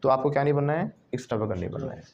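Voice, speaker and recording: A male teacher runs a bilingual English class at an ordinary, mid-range pitch. He coaxes a student to repeat after him, checking in often. He drills tricky words by saying them slowly over and over. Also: lively intonation, a little mellow, dull audio, slight background noise. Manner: prompts the student to repeat, with frequent "right?" checks.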